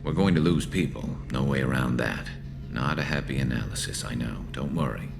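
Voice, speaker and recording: Over clearly audible ambient noise, an extremely low, creaky voice belongs to a war-worn alien rebel from a sci-fi game, loyal and dryly, deliberately witty. He comes across wry and relaxed.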